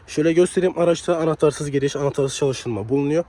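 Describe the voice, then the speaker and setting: A young man with a slightly hoarse voice from a cold, chatting casually as he walks around a car outdoors and reviews it, often dropping a filler word. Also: fairly high pitch, fast talker, noisy background. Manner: chatty, leans on the filler "hani".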